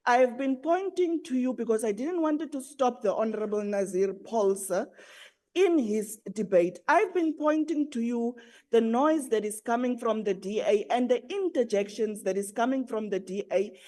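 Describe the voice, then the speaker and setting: A woman with a fairly high voice addresses the chair in parliament. She makes a formal complaint in an indignant, reproachful way. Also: expressive, normal speed, warm tone. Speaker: member of parliament raising an objection. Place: parliament chamber.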